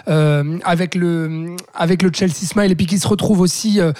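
A man's voice: sits high, fairly even intonation, moderate pace, darkish tone, no echo, studio quality. A man discussing a film's casting in a casual review, blunt and full of hesitations. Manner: blunt, hesitant with many fillers. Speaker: film critic.

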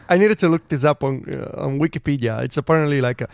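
A man's voice: on the high side, gravelly, smooth, no room sound. Chatty man with a dry close mic. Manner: chatty, lots of "like" and "uh", quick to laugh. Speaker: podcast co-host. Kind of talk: casual chat.

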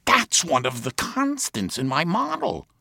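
An actor playing a detached, philosophical male traffic reporter with a creaky voice and ponderous manner in radio comedy. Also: on the high side, wildly swooping pitch, unhurried, bright, forceful tone, dry recording, clean studio sound, heavily acted. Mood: musing. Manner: ponderous, existential musing. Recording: music bed behind voice.

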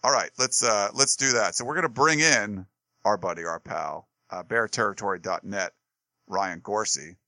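A man's voice: lowish voice, normal speed, bright, forceful tone, no echo. A man co-hosting a sports talk show, chatting casually and rambling with lots of fillers and restarts.

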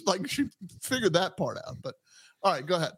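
A man hosting a podcast, commenting on a clip in a joking, halting way with many restarts. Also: high-pitched, very animated, a bit bright, husky, no room sound. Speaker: podcast host, police officer.

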